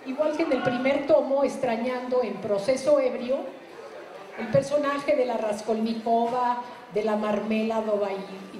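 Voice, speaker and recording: A woman gives a reflective public talk about her translation work, pausing often with fillers and restarts. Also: high-pitched, dark tone, reverberant, poor audio. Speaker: literary translator.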